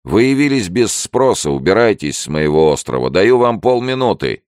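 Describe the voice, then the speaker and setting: A man with a very deep voice voicing a tall, hostile young islander who barks threats in a story reading. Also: very animated, normal speed, a little mellow, no room sound, clean studio sound. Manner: barking, threatening.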